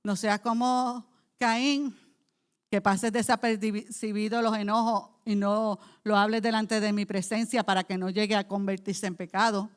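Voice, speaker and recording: Impassioned woman pastor preaching. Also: a little high. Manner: impassioned, swings from soft to loud cries. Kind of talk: sermon. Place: church.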